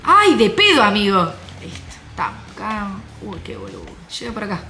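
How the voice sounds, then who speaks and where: Bright-voiced Argentine woman gamer. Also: huge pitch swings, normal speed, creaky, faint music behind. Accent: Argentine Spanish. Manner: mutters softly while playing, bursts into high shrieks. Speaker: gaming YouTuber. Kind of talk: live gameplay commentary.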